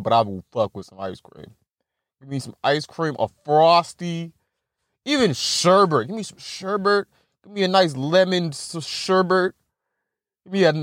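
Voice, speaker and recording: A young man hosts a podcast in a fairly high voice, recorded dry and at studio quality. He rambles casually with a stutter, laughing a lot, swearing often, and making fun of himself.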